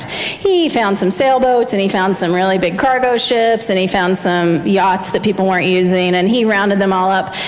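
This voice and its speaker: Animated woman telling a story in church. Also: on the high side. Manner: lively, expressive storytelling. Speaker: family minister. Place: large church sanctuary. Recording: church hall with long reverb.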